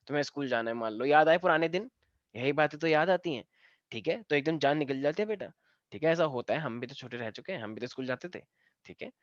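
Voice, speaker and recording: A man's voice: fairly high pitch, no echo, highs cut off. A man teaching a science class, explaining step by step and joking with his students. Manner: playful, joking and teasing students. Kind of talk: live online class lesson.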